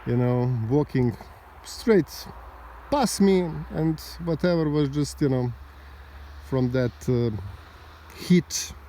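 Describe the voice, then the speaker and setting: A man with a mellow, darker tone addresses his viewers unhurriedly from outdoors above a valley. He rambles and argues with indignation, drifting between points. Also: a little high, expressive, slow pace, a little hiss or hum. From Slovenia. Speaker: vlogger. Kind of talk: casual monologue to camera. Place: outdoors overlooking a mountain valley road.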